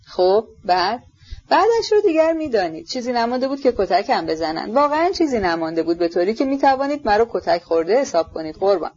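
A woman's voice: a little high, very animated, darkish tone, lo-fi sound. A woman voicing a sly, fawning middle-aged man who grovels and keeps calling his listener sir, in a storybook reading. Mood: wheedling. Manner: obsequious, wheedling, self-abasing.

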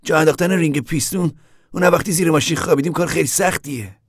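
A man's voice: on the high side, slightly rough, no echo, studio quality. A male narrator voicing an eager young male mechanic who talks hurriedly while working. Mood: busy.

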